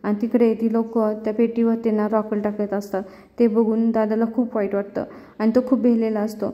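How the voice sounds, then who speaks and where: A woman's voice: on the high side, level tone, a little fast. A woman retelling a TV serial episode as a story, quoting the characters' lines. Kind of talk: storytelling recap with acted quotes. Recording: dull lo-fi sound with long reverb.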